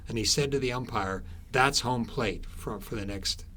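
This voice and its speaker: Being interviewed about his work as an author, a man with a medium-pitched, sharp-toned voice tells stories conversationally. He speaks in halting, explanatory phrases with thoughtful pauses, and there is slight background noise.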